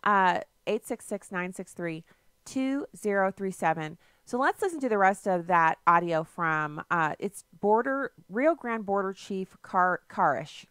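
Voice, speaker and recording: A woman's voice: mid-range voice, expressive, unhurried, a bit bright, smooth, no echo. Woman, talk radio host, emphatic, folksy, dry studio mic.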